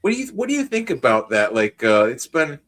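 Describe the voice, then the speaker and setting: A man's voice: medium pitch, wildly swooping pitch, a little fast, a bit bright. A man hosting a casual podcast chat, rambling and hesitant, often restarting his sentences.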